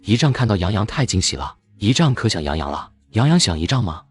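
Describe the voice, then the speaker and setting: A man playing a young uncle, a company boss, who teases a little boy in an animated drama. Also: on the low side, quick pace, husky, dry recording. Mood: teasing. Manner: playful teasing.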